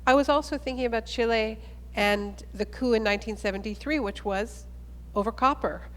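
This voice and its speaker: A woman's voice: fairly high pitch, brisk. Woman, panel moderator, thoughtful, long winding questions, reverberant hall.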